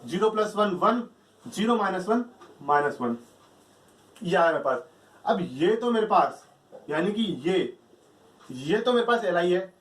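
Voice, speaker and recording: A man with a high voice lectures on math, walking through each step and answering his own questions. He sounds set back from the mic. The room around him is echoey. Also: distant mic. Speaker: math teacher.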